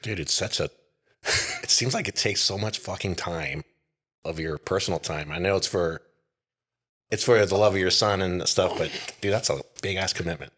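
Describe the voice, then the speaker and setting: A man's voice: low voice, normal speed, a bit bright, breathy edge. A man co-hosting a podcast in a laid-back, casual way, swearing freely and calling people "dude.". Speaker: podcast co-host. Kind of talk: casual chat.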